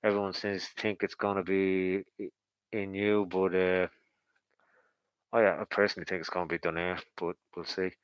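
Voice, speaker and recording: A man with a low, smooth voice talks through boxing in a casual commentary style. His delivery stays fairly flat and conversational as he thinks aloud and speculates in a rambling way. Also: moderate pace, no echo, low-quality recording.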